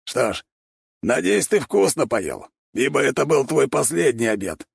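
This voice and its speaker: A man's voice: medium pitch, sing-song, moderate pace, creaky, slightly rough, no echo, studio quality, voice pushed up, full character voice. A man voicing a brash, arrogant young wolf thug who growls threats in an audiobook. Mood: menacing.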